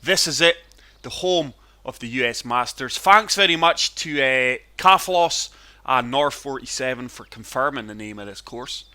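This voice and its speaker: A man's voice: medium pitch, expressive, normal speed, pushed and bright. A man sounding chesty and wheezy from a cold, giving casual commentary on a golf video game as the channel's host. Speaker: gaming channel host and player.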